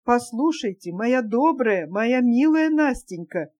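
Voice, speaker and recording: A woman's voice: fairly high pitch, expressive, takes it slowly, darkish tone. A woman reading a grown man's earnest, solemn promises in a novel. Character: grown man, tender earnest suitor.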